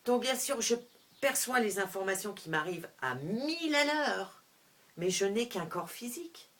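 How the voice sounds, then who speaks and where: Lively middle-aged woman telling a story. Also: mid-range voice, normal speed. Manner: animated, restarts often, shifts between hushed and loud. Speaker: vlogger. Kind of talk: personal storytelling monologue.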